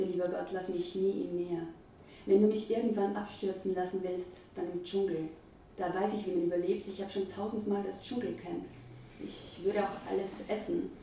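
A woman reading first-person scripted narration as a lively, nervous inner monologue. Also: medium pitch. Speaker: audiobook narrator. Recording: roomy, distant, faint hiss.

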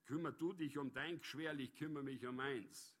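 A man voicing a drunk, bitter unemployed carpenter with a hoarse voice, sneering and mocking. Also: mid-range voice, steady tone, moderate pace, fairly bright tone, close to an everyday voice. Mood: angry. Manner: jeering, sneering.

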